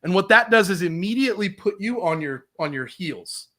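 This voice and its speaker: A man's voice: sits high, expressive, fairly quick, fairly bright tone. A man talking as a podcast guest, explaining sales calls in a confident, emphatic way. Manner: confident, emphatic, demonstrates phone openers. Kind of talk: casual interview talk.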